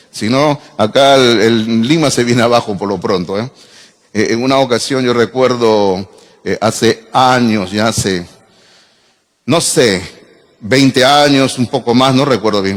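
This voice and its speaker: A man's voice: medium pitch, long reverb tail. A middle-aged man, preaching a sermon in a church, chatting with the congregation through frequent asides and questions. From Peru. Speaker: pastor. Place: church sanctuary.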